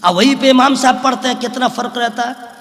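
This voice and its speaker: A man giving a humorous sermon to a live religious gathering, animated and often shouting. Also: very high-pitched. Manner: animated, often shouting, acts out little dialogues. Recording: echoey hall with long reverb, public address.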